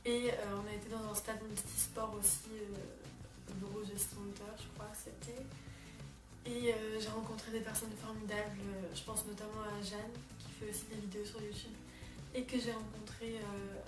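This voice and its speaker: A woman's voice: medium pitch, level tone, normal speed. Young woman, late teens, casual vlogger; rambling and chatty, recorded off-mic in a reverberant room with music behind. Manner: chatty, many fillers and restarts. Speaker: exchange student vlogger. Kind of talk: casual chat to camera. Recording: roomy, distant mic, background music.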